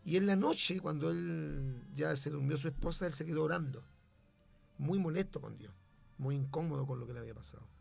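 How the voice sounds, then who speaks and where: Gravelly-voiced pastor telling a story. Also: male voice, a little high, brisk, darkish tone. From Chile. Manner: storytelling, emphatic, preacherly. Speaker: pastor and radio host. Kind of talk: sermon-like testimony on radio.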